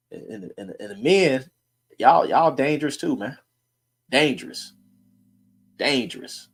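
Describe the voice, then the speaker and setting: A man hosting a casual streamed talk, blunt and preachy, in heated street slang. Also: on the low side. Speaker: host.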